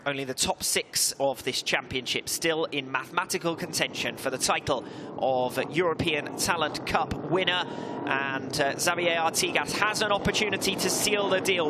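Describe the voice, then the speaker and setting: A man giving fluent live commentary on a motorcycle race. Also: high voice. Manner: fluent, builds excitedly with the action. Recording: loud engine and trackside noise behind. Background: motorbike engines, outdoor race ambience.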